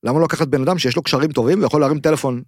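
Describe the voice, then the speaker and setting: A male sports journalist, a guest in casual conversation, with a voice pitched slightly high. He explains emphatically, repeats his points and builds hypothetical scenarios. The recording is dry and close. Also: darkish tone, no echo. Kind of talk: casual chat.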